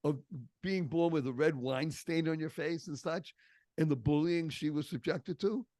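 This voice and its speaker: An older Boston-area man with a Boston accent guests on a podcast, telling stories expressively and leaning on key words in a storytelling interview. His voice is fairly high and a bit mellow, at a normal speed, with no room sound.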